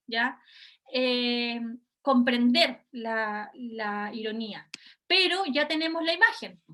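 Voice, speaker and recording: A woman's voice: sits high, bright, forceful tone. A woman giving a university lecture, explaining things step by step and often checking in with her listeners. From Chile. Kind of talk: recorded class lecture.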